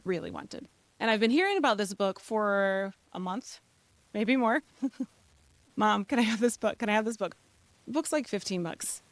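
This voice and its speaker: A woman's voice: mid-range voice, no echo. Conversational woman telling a church story. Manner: conversational storytelling with laughs and acted quotes. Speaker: church speaker. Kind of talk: personal sermon story.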